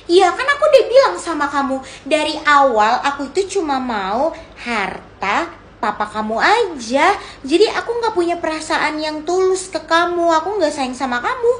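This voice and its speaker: A woman's voice: high-pitched, sing-song, moderate pace. A woman voicing a bossy, scornful young woman who talks in a demanding, mocking way in a homemade drama.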